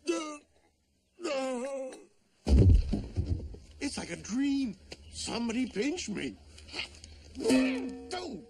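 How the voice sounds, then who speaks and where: A man's voice: extremely high pitch, gravelly, background noise, heavily acted. A man voicing a bumbling, whiny middle-aged dinosaur husband in a TV sitcom.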